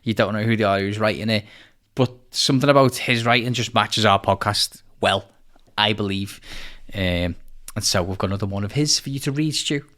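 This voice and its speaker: A man co-hosting a podcast, chatting casually in a relaxed, rambling way. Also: lowish voice, a little fast. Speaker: podcast co-host. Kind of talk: casual chat.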